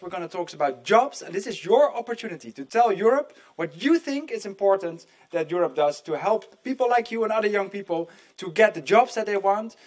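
A middle-aged man hosting a live conference event, his voice sitting high. He keeps it casual and jokey and talks straight to the people in the room. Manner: chatty, jokey, addresses the audience directly. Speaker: event moderator. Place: conference hall.

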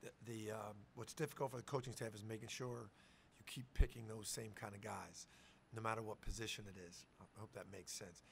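A man's voice: lowish voice, fairly even intonation, a little fast, vocal fry, slight background noise. A middle-aged man, a head coach, answering questions at a post-game press conference, talking casually from a table mic and often restarting his sentences. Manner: conversational, repeats words when starting sentences. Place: press conference room with sponsor backdrop.

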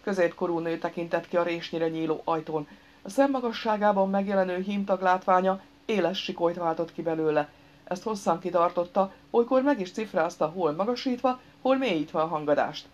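A woman's voice: lowish voice, a little mellow. Woman reading an audiobook, dull sound. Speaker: audiobook reader. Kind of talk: scripted narration. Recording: dull lo-fi recording.

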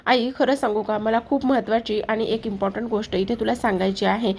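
A woman's voice: fairly high pitch, steady tone, fairly quick, a little mellow, a little hiss or hum, natural voice. Woman voicing an earnest pleading young man. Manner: pleading, insistent.

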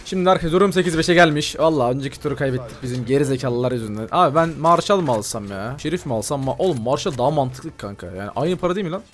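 A man giving live gameplay commentary as a gaming YouTuber, excitable and slangy, ranting at opponents and talking straight to his viewers. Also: mid-range voice, racing, hardly any pauses. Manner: excitable, rants and banters at opponents.

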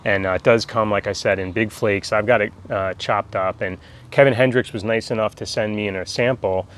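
An American man in his forties chatting casually outdoors in an easygoing, halting way, like a reviewer talking to camera. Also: lowish voice, fairly even intonation, a bit bright. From United States. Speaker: pipe tobacco reviewer. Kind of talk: casual video chat. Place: outdoors in a backyard garden. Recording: outdoor ambient background noise.

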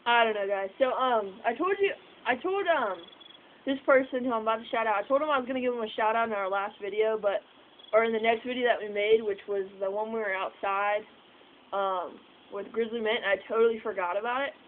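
A woman's voice: fairly high pitch, fairly quick. A young woman chatting casually for a vlog, rambling with lots of fillers and the odd swear, recorded outdoors at night on a phone camera set far away. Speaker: vlogger. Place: outdoors at night by a house porch. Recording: tinny phone audio outdoors with noise.

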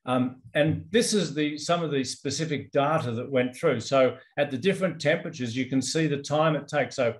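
A man in his fifties with an Australian accent, a company executive, presents research in a webinar over a video call from an office with a branded backdrop. His mid-range voice moves at a moderate pace with hardly any pauses, loose and conversational, full of ums and restarts.

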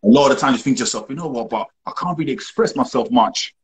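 A young guest rapper whose first language is Portuguese chats casually on a live stream, calling in by video from an indoor room on a phone held at arm's length. His mid-range voice is expressive and fast, with crowd noise behind him, and he keeps saying "obviously" and "you know what I mean."

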